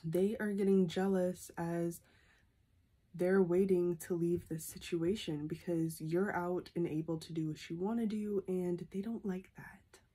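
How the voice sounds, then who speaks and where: A young woman with a sinus infection reads tarot into a phone camera held at arm's length in a small room, her voice stuffy and congested. It's fairly low, warm and slightly rough, with fairly even intonation and a measured pace. Nearly every point ends with a questioning "okay?"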